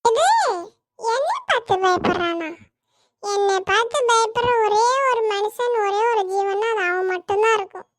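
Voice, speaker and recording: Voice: very high voice, normal speed, a bit bright. Whiny, sulky little boy. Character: whiny, sulky young boy who craves playmates. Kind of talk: family comedy skit dialogue.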